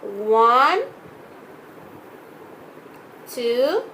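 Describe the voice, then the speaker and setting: A young woman teaching a children's video class, slowly drawing out and repeating words as she counts and names letters. Her first language is Spanish. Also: a little high, sing-song, bright, forceful tone, a little hiss or hum, poor audio.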